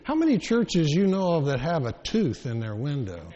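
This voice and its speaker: A man's voice: fairly high pitch, very animated, moderate pace, warm tone. A man with a Southern US accent giving an informal children's sermon, encouraging them with simple questions and repeated phrases. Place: church interior, moving around. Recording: muffled, reverberant hall with faint noise.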